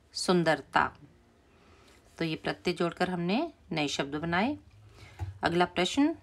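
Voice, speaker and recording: A woman teacher slowly and patiently explaining a primary school Hindi lesson, repeating key words for the children. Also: mid-range voice, fairly bright tone.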